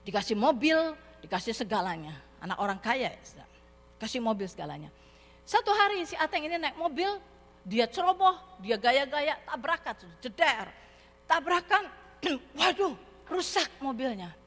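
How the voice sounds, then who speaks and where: A woman preacher giving a sermon, telling a story and speaking directly to the congregation in an animated manner. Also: high-pitched, moderate pace. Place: church hall. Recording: reverberant church hall.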